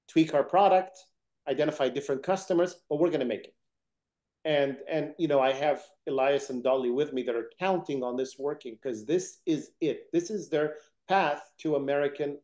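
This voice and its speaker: A man's voice: mid-range voice, warm tone. A middle-aged man, raised in Egypt and Sudan, telling his story as a guest in an interview in an earnest, determined way. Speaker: interview guest, company founder. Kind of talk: conversational interview.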